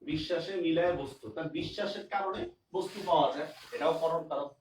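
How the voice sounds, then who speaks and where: A man's voice: a little high, fast. A man teaching a grammar class online, repeating his examples and often checking whether his students understand. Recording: echoey room, distant mic, faint noise.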